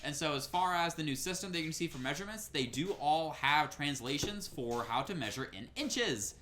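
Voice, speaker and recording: A man casually presenting tabletop wargame products, animated and often laughing between points. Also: fairly high pitch, brisk, a little hiss or hum. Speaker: co-host.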